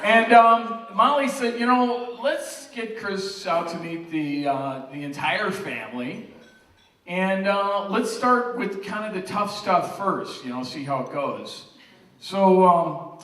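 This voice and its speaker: A middle-aged man giving a casual, humorous father of the bride speech, telling family stories with halting pauses for effect. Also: high-pitched, expressive, pushed and bright. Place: large room with wedding guests. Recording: echoey noisy room, distant mic, crowd.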